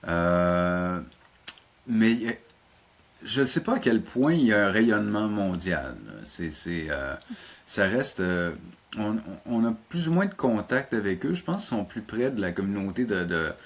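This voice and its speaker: Speaking a little slowly, this low-voiced man with lively intonation and a Québécois French accent is an animation teacher giving casual interview answers. He hunts for the right words and repeats himself often.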